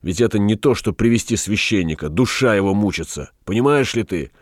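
A man reading a storybook voices a practical prisoner who argues briskly and insistently. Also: on the low side, expressive, dry recording, clean studio sound.

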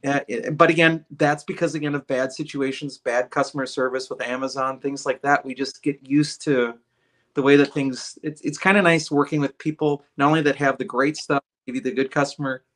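A man's voice: mid-range voice, fairly even intonation, fairly quick, a bit bright. A man hosting a podcast, talking casually and at length with his guest, with many restarts. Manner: friendly, talkative, many restarts. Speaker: podcast host. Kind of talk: casual interview talk.

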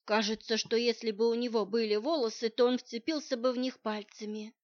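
Brief: woman narrator for a first-person novel, calm and dry, fairly high voice, dull lo-fi sound. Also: a little fast. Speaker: audiobook narrator. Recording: muffled lo-fi audio.

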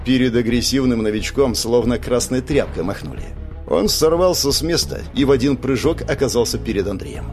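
A man narrating an audiobook and voicing the characters in a lively way. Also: fairly quick, soft background music. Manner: lively, shifts pitch for characters.

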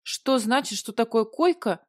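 A big, stubborn male dragon growls low and bursts into roars, put on by a woman reading the audiobook. The voice sits close and dry, with no room around it. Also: lively intonation, measured pace, no room sound. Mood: gruff. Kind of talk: audiobook character voice.

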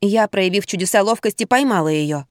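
A woman narrating a first-person audiobook in a lively way, jumping higher on the heroine's own lines. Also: brisk, no echo, studio quality.

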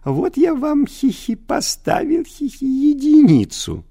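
A man voicing a plump, red-haired, spiteful male schoolteacher who titters with a high laugh through his words, in an audiobook. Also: wildly swooping pitch, slow, warm tone, heavily acted. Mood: mocking giggle.

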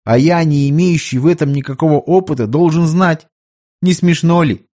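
Brief: a man as a young brusque emperor, mellow timbre, audiobook. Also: on the high side, normal speed, voice pushed up, close to an everyday voice. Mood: commanding. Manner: brusque, commanding. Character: young hot-tempered male emperor.

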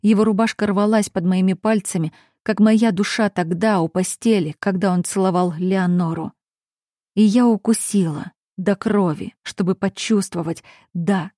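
A woman narrating a romance novel in the first person with an intimate, expressive reading. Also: mid-range voice, unhurried, no echo, clean studio sound. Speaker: audiobook narrator.

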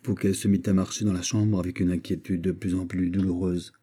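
A man narrating a classic novel as an audiobook, in a measured storytelling manner. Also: sits low, flat delivery, dark tone, breathy edge.

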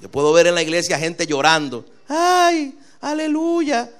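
Man preaching a sermon, fairly high voice, animated, loud on verses. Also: fast, smooth. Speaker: pastor.

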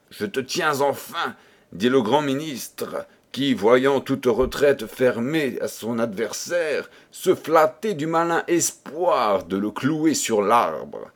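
A man reads an old fairy tale aloud at a leisurely pace, dramatizing each scene. His voice is animated, rising and falling widely to color the action of the story. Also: mid-range voice. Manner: dramatic, theatrical reading. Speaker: audiobook reader. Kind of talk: expressive storybook narration.

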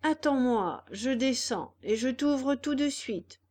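Storybook snail, placid and very slow, voiced by a woman; keep it gentle. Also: sits high, animated, voice pushed up. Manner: drawn-out, unhurried, placid. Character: slow unhurried female snail, calm and kindly.

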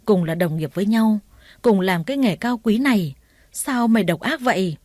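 A woman's voice: medium pitch, expressive, moderate pace, no echo, clean studio sound, natural voice. A woman voicing an angry woman teacher who harshly accuses a colleague. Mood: furious accusing. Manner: angry, scolding, loud.

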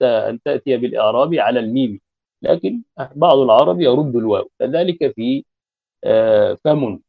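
A man teaching a grammar lesson, explaining each point deliberately with frequent drawn-out fillers, on a dull lo-fi recording. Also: medium pitch, creaky. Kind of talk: explaining Arabic grammar in a lecture.

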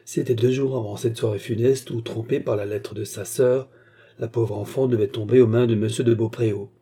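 A man's voice: medium pitch, fairly even intonation, normal speed, dark tone, breathy edge. A man steadily narrating a classic novel as an audiobook.

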